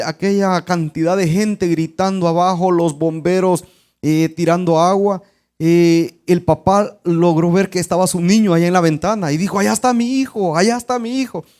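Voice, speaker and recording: A man's voice: high voice, a little mellow. A male pastor preaching a sermon with earnest storytelling.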